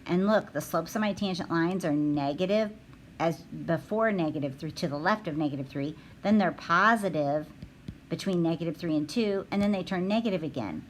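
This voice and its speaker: A woman teaching a recorded math lesson, talking her students through the steps out loud with frequent ums. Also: lowish voice, normal speed, slight background noise, rough recording. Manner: thinking aloud with frequent ums.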